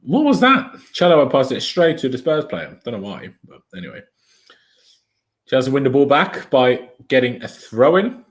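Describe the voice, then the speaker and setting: A young Austrian man, a native German speaker, streams a football watchalong with casual live commentary. His medium-pitched voice swings widely in pitch at a moderate pace. He's chatty and opinionated and reads viewer comments aloud.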